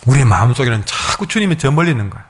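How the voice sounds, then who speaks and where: A man's voice: medium pitch, very animated, racing. A male pastor preaching a sermon emphatically, acting out his congregation's words.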